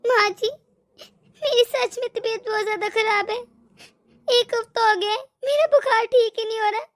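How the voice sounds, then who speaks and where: A woman plays a meek young daughter-in-law in an animated story, sick and pleading through tears. The voice is very high and bright, thin with weakness. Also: normal speed. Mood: tearful. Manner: weak, tearful pleading. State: crying.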